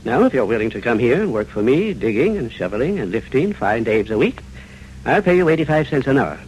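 A man's voice: mid-range voice, very animated, fairly quick, darkish tone, lightly acted, low-quality recording. An actor playing a stern, wily old grandfather in a 1950s radio serial, crusty and commanding. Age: older. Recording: old radio broadcast, faint noise.

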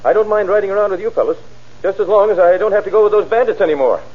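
An eager, chatty male witness, played by an actor in a vintage radio police drama. His voice is high and quick, on a dull, faintly noisy recording. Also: natural voice. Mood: agreeable, eager.

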